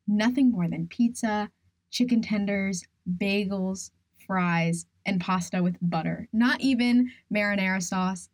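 Female podcast host, mellow and smooth, dry close studio sound, earnest explainer delivery. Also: medium pitch, no echo. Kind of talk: scripted solo podcast talk.

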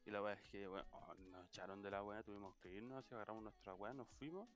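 A man's voice: lowish voice, fast talker. A young man with a Chilean accent, hosting a casual podcast and telling a party story with lots of slang. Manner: animated storytelling, heavy slang. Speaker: podcast host. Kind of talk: casual chat.

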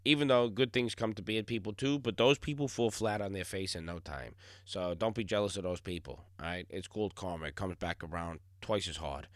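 Blunt, swearing man with a low voice. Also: brisk, dry recording, clean studio sound. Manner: blunt, swears freely, repeats filler words. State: slightly hoarse, recovering voice. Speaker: podcast host. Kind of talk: casual solo podcast monologue.

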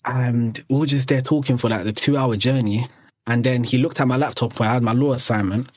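A man's voice: mid-range voice, steady tone, a little fast, a little mellow, no echo. A young man from Eritrea and Sudan, telling rambling anecdotes in casual chat with many restarts. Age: young adult. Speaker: podcast guest.

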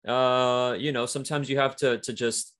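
Speaking at a normal pace with a level, fairly bright medium-pitched voice, this interview guest describes his career writing comics. He hails from the Mexico–US border region and rambles casually, using lots of fillers.

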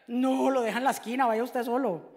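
A woman preacher, delivering an animated sermon that swings from hushed asides to shouted scripture. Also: on the high side, fairly quick, long reverb tail.

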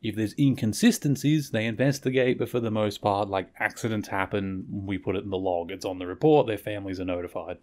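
A man's voice: on the low side, fairly even intonation, brisk, few pauses, darkish tone. A man hosting a podcast, recapping an episode in a rambling, chatty way and often correcting himself. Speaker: podcast host.

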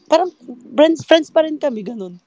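A woman's voice: sits high, lively intonation, normal speed, mellow, no room sound. Playful woman in a casual chat. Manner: playful, laughs often.

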